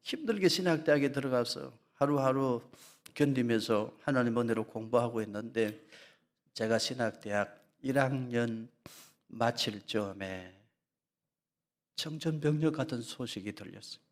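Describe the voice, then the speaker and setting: A man, a pastor, preaching a sermon dramatically, drawing out emotional passages slowly and bursting into loud, high voices when he acts out mocking taunts.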